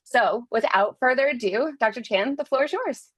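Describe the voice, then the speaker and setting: A woman's voice: on the high side, animated, moderate pace, breathy edge, no echo. A woman hosting a webinar, upbeat and welcoming, reading scripted introductions. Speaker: webinar host.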